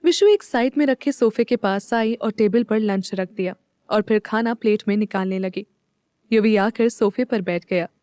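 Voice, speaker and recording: Mellow-voiced woman narrating a story. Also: medium pitch, normal speed, no echo, clean studio sound. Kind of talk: scripted audio story narration.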